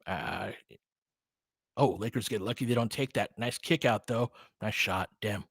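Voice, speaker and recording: On the low side but a bit bright and slightly rough, a man's voice carries informal live basketball commentary for fans at a somewhat slow pace. He chats with viewers and calls the plays in clipped phrases, recorded dry at studio quality.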